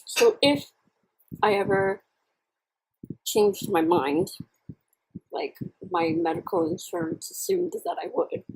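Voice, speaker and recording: A woman chatting candidly and casually to camera in a halting, reflective way, chewing while she talks. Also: mid-range voice, sing-song, vocal fry, a little mellow, husky, poor audio. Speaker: vlogger. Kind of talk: casual personal chat to camera while eating.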